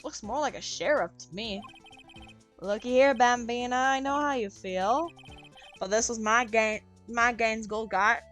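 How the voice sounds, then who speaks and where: A woman's voice: a little high, extremely slow, hardly any pauses, faint music behind. A woman voicing a swaggering male detective who talks like a Western sheriff, in a put-on cowboy drawl.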